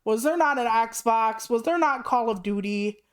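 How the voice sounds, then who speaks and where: A woman's voice: on the high side, unhurried, smooth. A woman in her late thirties chatting casually on a live stream, rambling through asides and swearing freely. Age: 30s. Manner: rambling asides with many "like" fillers.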